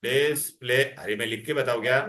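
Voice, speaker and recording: A male chemistry teacher with an Indian accent rattles through revision at high speed. His voice is bright and forceful, and he slips between English and Hindi, checking on students with question after question. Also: steady tone, racing. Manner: mixes Hindi into English, prodding students with repeated questions and endearments. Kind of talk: interactive revision class.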